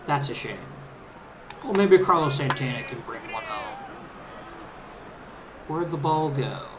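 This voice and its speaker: A man's voice: medium pitch, expressive, measured pace, noisy background. A man giving casual, conversational, easygoing commentary as he hosts a let's play of a game. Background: video game crowd ambience and background music.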